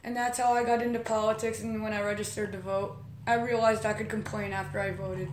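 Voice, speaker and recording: A young woman guest in a casual interview, halting and restarting her words as she stutters. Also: mid-range voice, little pitch movement, background noise. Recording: echoey room.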